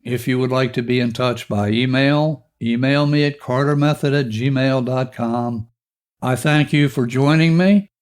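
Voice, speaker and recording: A male podcast host talks through self-help advice in a calm, reassuring voice. His pace is very slow and deliberate, and his pitch sits in an ordinary middle range.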